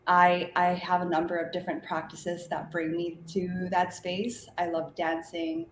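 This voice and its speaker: A woman's voice: on the low side, little pitch movement, unhurried. A woman coach giving reflective interview answers as a guest, often checking in with a questioning tag. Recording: echoey room with faint noise.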